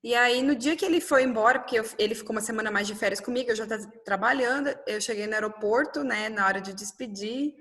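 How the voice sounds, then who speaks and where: Brief: thirties woman, somewhat high voice, animated interview storytelling that voices other people's lines. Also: fast, hardly any pauses. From Brazil. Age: 30s. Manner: animated, quotes dialogue, frequent "né?".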